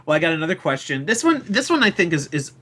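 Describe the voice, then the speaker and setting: A chatty American man hosts a live internet radio chat, his pitch bouncing up and down as he laughs and trips over his words. He reads out listener questions in an easygoing way. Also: very animated, fairly quick, fairly bright tone, breathy edge. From United States. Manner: laughing, chatty, restarts a lot. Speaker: show host.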